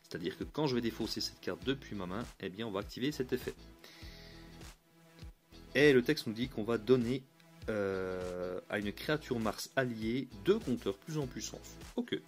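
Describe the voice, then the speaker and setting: A man's voice: fairly low pitch, lively intonation, normal speed, soft background music. A man giving a casual, upbeat card review. He talks in a chatty way, often restarts mid-phrase and chuckles lightly.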